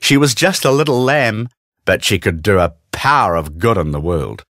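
A man's voice: fairly low pitch, normal speed, background noise. A man with a New Zealand accent narrating a children's storybook, putting on character voices. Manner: animated, doing character voices.

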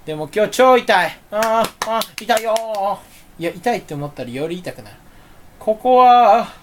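A man talking to himself in a rambling solo monologue. He is self-mocking and erratic, swinging from loud outbursts to low mutters. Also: very animated, moderate pace, slight background noise. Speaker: solo talk channel host.

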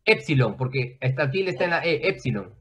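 A man with a fairly high voice teaches a class over a video call. He explains at length in a loose, conversational way and keeps checking in with his students. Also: animated, fairly quick. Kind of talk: online class lecture.

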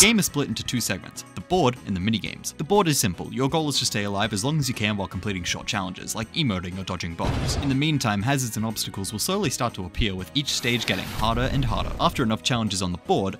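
A young man narrating a comedy gaming story in a dry, sarcastic tone, as the host of his own video. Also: fairly low pitch. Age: young adult.

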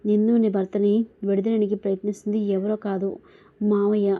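A woman narrator voicing a scheming, secretive young man who shifts blame in a hurried way. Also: medium pitch, flat delivery, phone-quality sound, natural voice.

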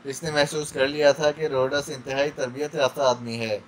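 A man narrating a spy thriller audiobook in measured storytelling style. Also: medium pitch, flat delivery, a little hiss or hum, rough recording. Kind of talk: dramatic novel narration.

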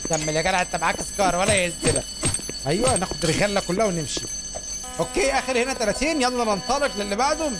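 A young man with an Egyptian accent giving playful, excitable gameplay commentary as a gaming YouTuber, full of jokey slang. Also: high-pitched, rapid-fire, loud music behind the voice. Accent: Egyptian Arabic. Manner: excitable, playful, jokey street slang, cries out when startled. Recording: clear background noise.

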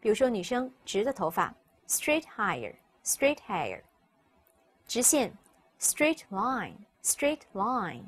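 Husky-voiced woman teaching vocabulary. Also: fairly high pitch, very animated, takes it slowly. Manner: explaining step by step, repeating words for students to follow. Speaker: English teacher. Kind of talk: recorded vocabulary lesson.

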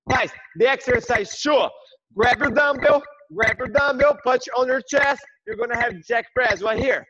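Coaching a workout class over a video call from a big indoor gym, this high-voiced male instructor pushes hard with gym-bro energy, shouting cues, counting down, and repeating short bursts of praise. The sound is lo-fi, his tone bright and forceful.

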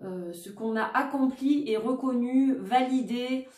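A woman doing a daily oracle card reading for her viewers, gentle and reassuring, often repeating herself. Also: on the high side, unhurried, recorded from a distance. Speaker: tarot and oracle card reader. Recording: roomy echo, voice set back from the mic.

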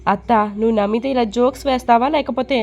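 A woman's voice: on the high side, fast talker, darkish tone, muffled recording, lightly acted. Woman narrator plays a light-hearted, teasing young man in a storybook family drama. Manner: cheeky, teasing. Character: playful young man, teasing his aunt.

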